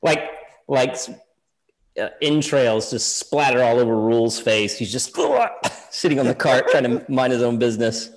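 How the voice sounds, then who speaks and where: A man's voice: medium pitch, fairly even intonation, normal speed. A man running a tabletop game as game master, narrating in a loose, hedging way and laughing often.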